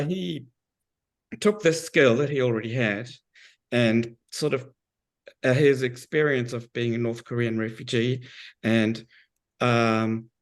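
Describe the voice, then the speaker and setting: A man with a hoarse, froggy voice from a cold, informally explaining his research work in a hesitant, halting way. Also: mid-range voice. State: losing his voice with a cold, clearing his throat. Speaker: academic researcher. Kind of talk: informal account of work to a group.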